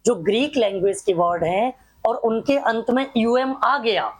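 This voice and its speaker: A woman's voice: fairly high pitch, normal speed. A woman teaching a grammar class, drilling examples one by one and asking rhetorical questions that she answers herself.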